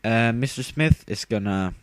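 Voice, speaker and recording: A man's voice: mid-range voice, a little slow, no echo. A tired young man casually commenting on his own game battle, rambling with fillers and giggling at himself. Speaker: gamer narrating his battle.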